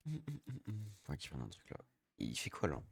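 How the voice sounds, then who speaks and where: A man's voice: rumbling low, wildly swooping pitch, brisk, vocal fry, breathy edge, dry recording. A young man streaming a shooter game, grumbling in casual slangy chat to himself and his teammates.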